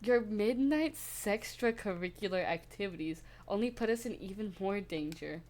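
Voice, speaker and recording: Woman voicing a spiteful teen girl, sneering, bitter, lively pitch, game dialogue. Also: normal speed, a little hiss or hum, natural voice. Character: spiteful gloomy teenage girl, jealous and obsessive. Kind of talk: reading game dialogue aloud.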